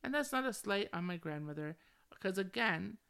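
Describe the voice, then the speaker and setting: In contrast to a flat read, this middle-aged woman's mid-range voice is expressive, gravelly yet a bit bright and clean in tone, at a moderate pace. She hosts a podcast solo, speaking candidly and casually with slang and a valley-girl stream of "like".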